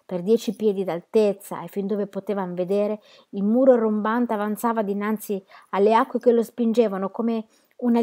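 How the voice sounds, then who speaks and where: Casting note: woman narrator for a literary audiobook, steady and dramatic, mid-pitched. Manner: steady, dramatic novel reading. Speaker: reader.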